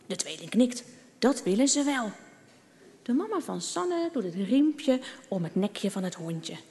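Slow, expressive woman reading a children's story. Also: a little high, big-room sound.

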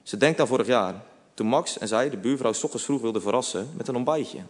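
Male narrator for a children's storybook, gentle and calm, middle pitch, long reverb. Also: quick pace.

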